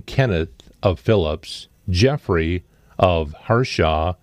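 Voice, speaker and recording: A man reading scripted funeral notices as a radio announcer, formal, measured and deliberate. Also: sits low, no room sound.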